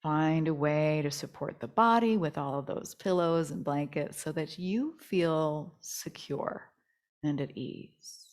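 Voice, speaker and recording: With a low voice, a woman guides a yoga nidra relaxation meditation, speaking in a soothing, gentle, and unhurried way.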